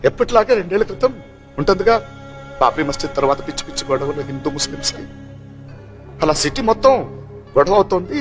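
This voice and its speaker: An actor playing a streetwise auto driver who talks fast and mixes Hindi in. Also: male voice, high-pitched, a bit bright. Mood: sorrowful. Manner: mixes Hindi into Telugu, quick-tongued and teasing. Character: streetwise male auto driver, brash but tender. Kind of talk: film drama dialogue.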